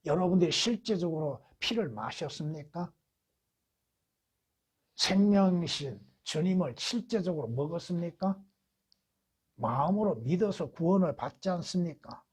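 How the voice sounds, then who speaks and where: A man's voice: on the high side, lively intonation, unhurried, long pauses, a little mellow, breathy edge. A man preaching at a church Bible study as pastor, putting rhetorical questions to the congregation and answering them, with emphatic repetition.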